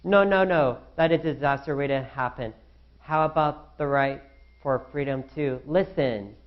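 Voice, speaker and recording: In a student skit, a young man plays an anxious founding father, fretting and musing worriedly to himself. His fairly high, everyday-sounding voice comes at normal speed, with the highs cut off in the recording.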